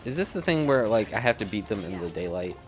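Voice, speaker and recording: Low-voiced man rambling over gameplay. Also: sing-song, fast talker, faint music behind. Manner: rambling, self-deprecating. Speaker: streamer. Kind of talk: casual gameplay commentary.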